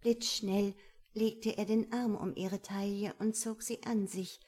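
Slow, husky woman narrating a romance. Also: medium pitch. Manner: calm, measured, intimate reading. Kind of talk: scripted audiobook narration.

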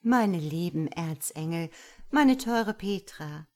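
A woman's voice: lowish voice, expressive, takes it slowly, a little mellow. A woman reading a storybook aloud and voicing a stately, commanding female God. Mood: gracious.

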